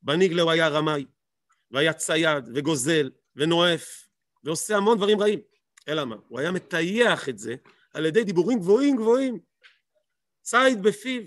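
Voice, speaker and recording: A man with a fairly high voice teaches a Torah lesson. He stresses his points by repeating words and firing rhetorical questions. The sound is dry and close. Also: expressive, fairly bright tone, dry recording.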